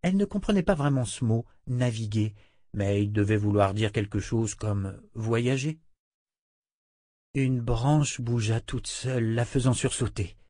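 Guy reading a novel out loud, steady, dry close sound. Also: mid-range voice, measured pace, no echo. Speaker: audiobook narrator. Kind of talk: scripted narration.

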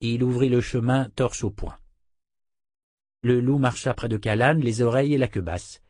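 A man narrating a fantasy novel as an audiobook, in measured storytelling. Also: medium pitch, a little mellow, no room sound, clean studio sound. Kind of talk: scripted narration.

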